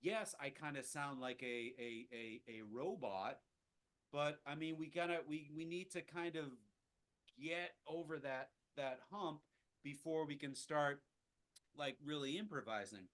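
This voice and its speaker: A man's voice: a little high, unhurried, fairly bright tone. A man leading a casual jazz improvisation lesson, rambling with lots of restarts and fillers. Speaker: jazz teacher.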